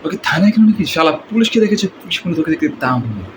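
A man voicing an agitated movie villain with a Bangladeshi accent, scolding in a high voice. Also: animated, rapid-fire. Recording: noisy amateur recording.

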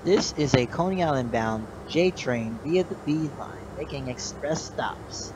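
A man's voice: on the high side, lively intonation, measured pace. A man making formal conductor announcements over a train intercom, repeating the key points. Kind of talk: train public-address announcements. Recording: heavy loud train noise.

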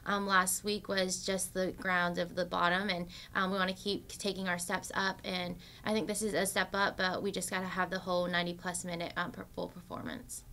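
A woman's voice: lowish voice, moderate pace, few pauses, slight background noise. A young woman, a soccer defender, answering questions after a match with many "um"s. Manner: steady, filler-heavy answers with many "um"s. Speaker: soccer defender at a press conference. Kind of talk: post-match press answers. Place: press room in front of a sponsor backdrop.

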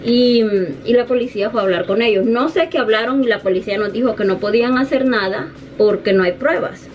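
A woman's voice: a little high, a little fast, a little hiss or hum. A middle-aged woman vlogger telling an indignant story in casual chat to the camera, often quoting other people. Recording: dull, slightly distant home recording.

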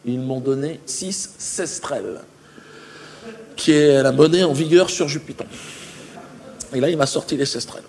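A man's voice: a little high, measured pace, pauses often, darkish tone. A man doing stand-up on stage before a live audience, telling a story in a rambling, chatty way full of hesitations. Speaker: stand-up comedian.

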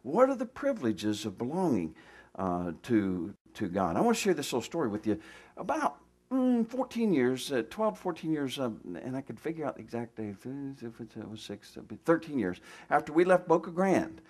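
Lively folksy male pastor preaching. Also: medium pitch, moderate pace. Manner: folksy, conversational, with restarts and asides. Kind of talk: sermon. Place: church sanctuary.

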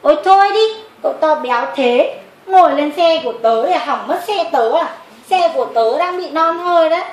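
A high, childlike bear cub acted by a woman for a children's puppet tale. The little boy is sweet, bashful and excitable. The sound is roomy, with clear background noise. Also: normal speed. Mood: grudging. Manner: childlike, exclamatory.

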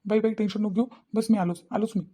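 Brief: woman voicing a fussing cartoon dad, husky and dark, talks very fast. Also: medium pitch, fairly even intonation, close to an everyday voice. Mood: worried. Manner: anxious, repeats his questions. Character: worried village father, gentle and fussing. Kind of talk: cartoon voice acting.

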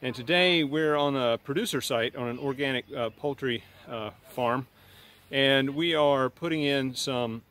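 A man's voice: medium pitch, a little slow, a bit bright. A middle-aged man, a university plant scientist, explaining things outdoors on a farm in a thoughtful way with many fillers.

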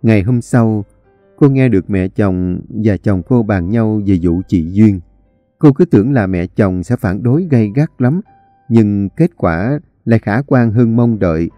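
A man's voice: lowish voice, a little slow, no echo, highs cut off, faint music behind. A man narrating a dramatic novel expressively. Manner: expressive, animated storytelling. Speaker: story reader.

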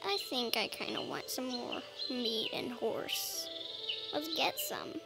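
Game music runs under this woman's voice as she playfully pretends to be a dragon and muses her way through gameplay. She speaks slowly at a fairly high pitch, swinging widely up and down, with a touch of vocal fry.

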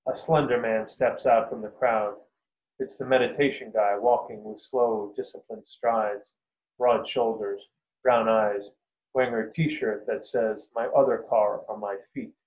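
A man, the author, reading his own first-person story in a measured, unhurried way. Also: fairly low pitch, steady tone, darkish tone. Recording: roomy, dull lo-fi recording.

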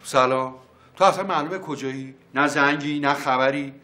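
An actor playing Mahmoud, a greedy, impatient middle-aged man in a TV comedy series, gruff with everyone. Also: medium pitch, bright, forceful tone, lightly acted.

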